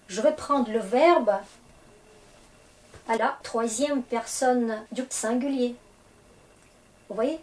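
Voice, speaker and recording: Slow, patient woman teaching a language. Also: fairly high pitch, low-quality recording. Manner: slow, patient explaining with frequent hesitations. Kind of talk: explaining grammar to French learners.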